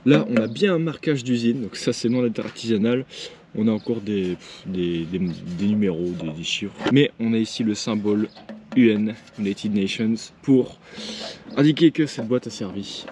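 Male collector, relaxed vlog delivery, stop-start phrasing, noisy take with clicks. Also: on the low side, moderate pace. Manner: hesitant, many fillers and restarts. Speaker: militaria collector. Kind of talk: casual show-and-tell vlog. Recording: clear background noise with clicks.

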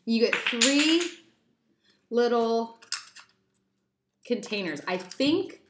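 A woman's voice: a little high, lively intonation, extremely slow, noisy background. A young woman chatting through a toy unboxing, giddy and rambling with lots of little asides. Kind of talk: casual unboxing chat. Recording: echoey room.

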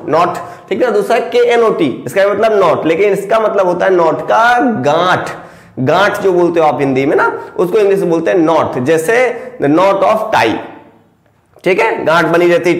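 High-voiced Indian man teaching vocabulary. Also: roomy sound. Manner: repeats and spells words letter by letter, calls students beta. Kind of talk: classroom-style vocabulary lesson.

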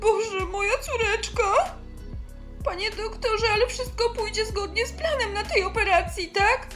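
A woman's voice: very high-pitched, a little slow, fairly bright tone, soft background music, pitched above the performer's own voice. A woman voicing an anxious, impatient mother who frets over her sick daughter. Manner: anxious, fretful.

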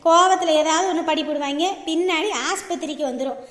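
A woman's voice: very high voice, fairly quick, fairly bright tone. A woman playing a doctor in a comic skit, mocking and threatening the patient. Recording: echoey room with long reverb and faint music.

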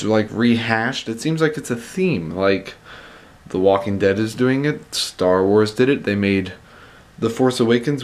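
A young man vlogs in a medium-pitched voice. He talks casually and conversationally into a camera held at arm's length in a room at home, stressing points by repeating words. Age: young adult. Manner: conversational, emphatic repetition for stress. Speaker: vlogger. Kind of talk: casual vlog chat.

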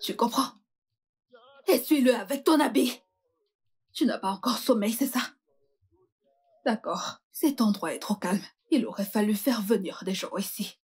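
A woman playing a husky, crude prison cellmate. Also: a little high, unhurried, pauses often. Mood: taunting. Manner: taunting, crude and boastful. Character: coarse, mocking woman prisoner from a poor district. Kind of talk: French dub of a film.

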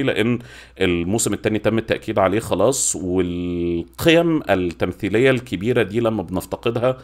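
A man's voice: sits low, a little mellow. A man in his forties with an Egyptian accent reviewing in natural unscripted talk, informal and emphatic, repeating words for stress, at a desk microphone. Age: 40s. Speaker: YouTube film and series reviewer. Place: small home studio room. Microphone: desk microphone with pop filter.

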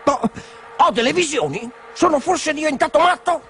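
A man voicing an excitable, grumpy middle-aged butcher in a storybook reading, quick to anger and shouting insults. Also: very high voice, slight background noise, voice pushed up. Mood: bewildered. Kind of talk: storybook character voice.

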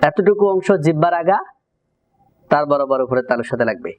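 A man teaching Quran recitation, giving a pronunciation lesson and drawing out syllables in slow repeated drills. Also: a little high, expressive. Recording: slightly dull lo-fi recording.

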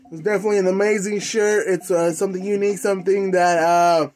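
A young American man hosting a casual unboxing vlog, talking in a halting, informal, slangy way. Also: high-pitched, darkish tone. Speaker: host of a clothing collecting channel. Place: indoors in a room at home.

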